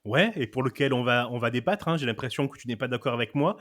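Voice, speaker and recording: A man's voice: mid-range voice, quick pace, fairly bright tone. A man hosting a casual film and series podcast, playful and theatrical as he introduces his guests. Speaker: podcast host. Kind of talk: casual chat.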